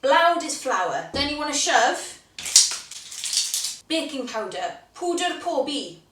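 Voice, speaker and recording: A young Welsh woman chats playfully while she cooks and teaches a few words of Welsh. Her voice sits high. It carries the echo of a home kitchen, picked up from a little way off. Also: sing-song, takes it slowly, noisy background. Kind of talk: casual cooking video. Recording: roomy kitchen, mic at a distance.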